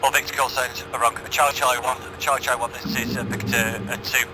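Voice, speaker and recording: A man giving halting military radio callouts with call signs over a crackly radio. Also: mid-range voice, level tone. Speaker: vehicle commander in a military game. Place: online game voice comms. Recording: very noisy crackly radio with vehicle noise.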